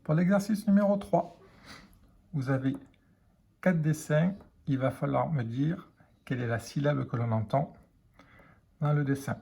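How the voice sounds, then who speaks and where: A man's voice: a little high, unhurried, gravelly, long pauses, dark tone, slightly rough. A French man teaching a children's reading lesson, sounding out words letter by letter and syllable by syllable.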